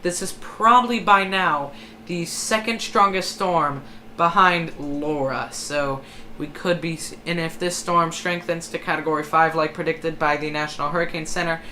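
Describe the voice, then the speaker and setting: A livestream host of unclear sex gives storm commentary in a bright, forward voice. The delivery is hesitant and self-correcting. There is some noise behind the voice. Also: medium pitch. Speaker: livestream host tracking a hurricane. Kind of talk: live storm coverage commentary. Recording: noticeable background noise.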